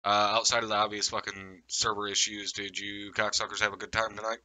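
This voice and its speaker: Male streamer, low even voice, casual crude banter, rapid delivery. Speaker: live streamer and unit member. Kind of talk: casual chat with stream viewers and teammates.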